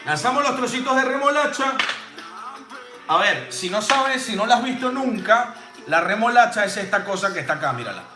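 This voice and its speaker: A man's voice: high-pitched, very animated, normal speed. A man teaching drink-making live, chatty and jokey, tossing in playful sound effects and casual swearing. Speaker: bartending instructor. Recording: roomy home space with music playing.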